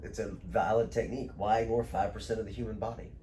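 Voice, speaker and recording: A man's voice: on the low side, steady tone, quick pace, mellow, reverberant, slight background noise. A man who teaches jiu-jitsu, chatting and joking crudely with friends on a podcast. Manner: joking, teasing, crude humor. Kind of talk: casual podcast banter.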